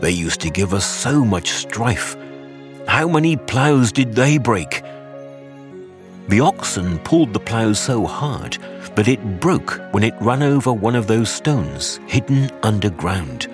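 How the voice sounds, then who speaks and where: An actor playing a reflective old tenant farmer, reminiscing wistfully in a scripted audio guide monologue. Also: male voice, fairly low pitch, very animated, slow, over music.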